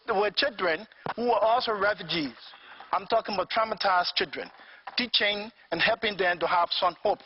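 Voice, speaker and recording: A man's voice: sits high, slightly rough, muffled recording. A man from Liberia in his fifties, giving a formal, earnest speech as an invited speaker and posing rhetorical questions.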